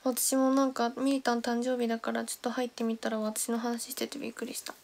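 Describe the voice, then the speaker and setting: A young woman hosting a casual livestream, chatting and thanking viewers by name, sometimes dropping to a soft whisper, on a close mic indoors. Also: a little high, level tone, fast talker, vocal fry, a little hiss or hum. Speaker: idol livestream host. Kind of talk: casual livestream chat reading comments.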